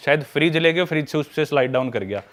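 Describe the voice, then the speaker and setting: A man's voice: on the high side, lively intonation, fast talker, fairly bright tone. A young man telling a travel story in casual podcast chat, mixing in English phrases. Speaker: travel vlogger guest.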